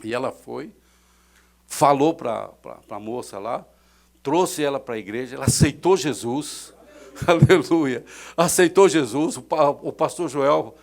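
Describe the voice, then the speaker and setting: A middle-aged man with a Brazilian accent, a pastor preaching a fervent sermon in church, swelling loud and dropping soft. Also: mid-range voice, measured pace, gravelly. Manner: fervent preaching with sudden swells and drops in loudness.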